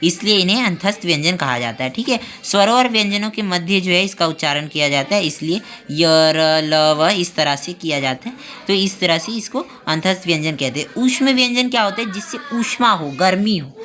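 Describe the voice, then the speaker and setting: A woman teaching a grammar class online, explaining step by step and pausing to check the class is following. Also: lowish voice, animated, fairly bright tone. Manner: spells out sounds slowly, one by one.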